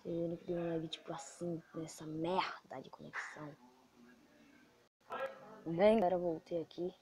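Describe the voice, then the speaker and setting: A male gaming host with a Brazilian Portuguese accent, excitable and swearing as he comments on his gameplay. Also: on the high side. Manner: excitable, swearing, quick to frustration.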